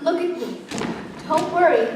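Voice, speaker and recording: A calm young woman, played by an actress on stage, giving firm, steady reassurance. Her voice is very high. It is heard from a distance in a heavily echoing space with faint background noise. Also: a little slow. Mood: reassuring. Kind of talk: stage play acting. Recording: echoey stage miked from far off, faint noise.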